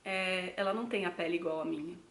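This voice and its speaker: Talking fast in a lowish, steady, slightly bright voice, a young Brazilian woman shares reflective thoughts in a casual travel vlog. She speaks with a Brazilian Portuguese accent, calls her viewers "gente," and the room sounds echoey.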